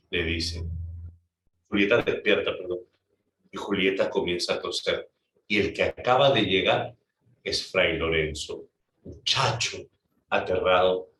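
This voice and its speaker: A man teaching literature, retelling a play with animated, drawn-out pauses. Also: deep voice, slight background noise. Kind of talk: dramatic storytelling lesson. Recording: roomy, distant mic.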